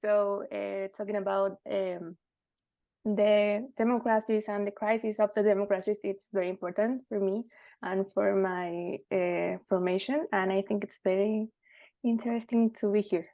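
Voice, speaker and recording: A young woman student with a Chilean accent introducing herself, a little halting. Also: medium pitch, steady tone, warm tone, dry recording. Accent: Chilean Spanish. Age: young adult. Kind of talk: self-introduction.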